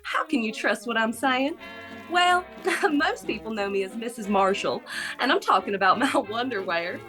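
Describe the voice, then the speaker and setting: A woman's voice: on the high side, animated, moderate pace, a bit bright, faint music behind. A woman playing a peppy saleswoman in a parody radio commercial. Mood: peppy salesy.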